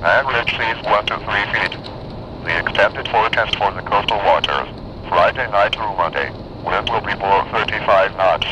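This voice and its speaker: A man's voice: fairly low pitch, normal speed. A synthesized male announcer reading weather and marine forecasts, heard over a weather radio. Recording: noisy radio reception with hiss.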